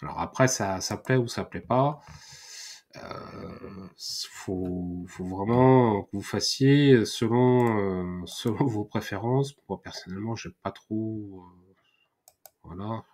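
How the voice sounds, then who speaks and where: A man's voice: fairly low pitch, slow pace, a little mellow. A man hosting a screen-recorded tutorial, thinking aloud with many fillers and restarts. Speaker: tutorial host. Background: mouse clicks and typing.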